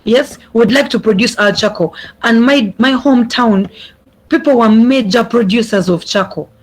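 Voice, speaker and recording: Young adult, earnest speech, repeats phrases, mid pitch, video call audio. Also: normal speed, poor audio. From Uganda. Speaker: youth speaker. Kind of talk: prepared speech at an online summit.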